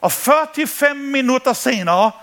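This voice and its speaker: Animated high-voiced male preacher. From Denmark. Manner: animated, acts out voices in his stories, laughing often. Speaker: pastor. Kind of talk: sermon with storytelling.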